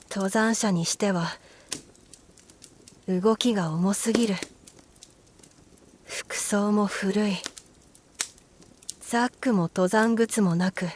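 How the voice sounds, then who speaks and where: A woman narrating a scripted ghost story in a hushed, eerie manner, with deliberate pauses. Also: mid-range voice.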